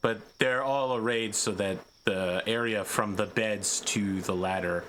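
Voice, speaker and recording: A man acts as game master, narrating a tabletop game in a casual way. His voice sits a little low, and faint noise runs behind it. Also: a little slow, fairly bright tone, rough recording.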